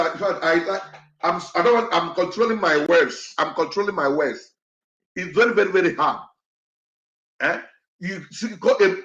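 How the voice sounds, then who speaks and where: A man's voice: sits high, fairly bright tone, roomy sound, lo-fi sound. A man hosting an online show, speaking in an impassioned, repetitive way that falters when he gets upset. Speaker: show host. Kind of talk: emotional commentary to an online audience.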